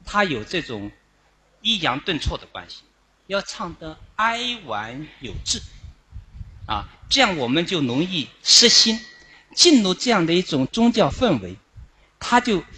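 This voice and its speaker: Give me a man with a lively, fairly high voice, calmly teaching a Buddhist chanting method. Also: breathy edge. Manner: measured explanation with frequent drawn-out "ah" fillers. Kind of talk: instructional Dharma talk.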